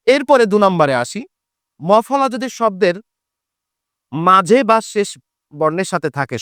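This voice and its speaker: A man from Bangladesh teaching a Bengali grammar lesson for exam students, repeating each rule slowly and asking and answering his own questions. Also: sits high, smooth, dry recording, clean studio sound.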